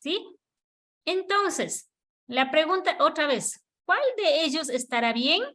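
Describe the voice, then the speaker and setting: A woman's voice: high-pitched, expressive, slow, pushed and bright. A woman teaching an online Kichwa class, patiently repeating words for the students to echo. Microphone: video call.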